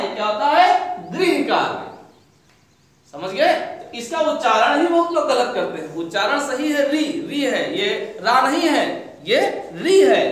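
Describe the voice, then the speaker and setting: A man's voice: very high voice, a bit bright. A man teaching a grammar lesson, asking his class questions and answering them himself. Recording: very echoey room.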